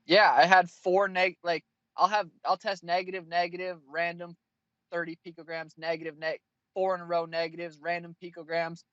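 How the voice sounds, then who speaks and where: Young male fighter, mid-twenties, casual and profane; voice a touch high, dry and muffled recording. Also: little pitch movement, normal speed, a bit bright, no echo. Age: 20s. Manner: blunt and profane. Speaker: fighter, interview guest. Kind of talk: casual interview answers.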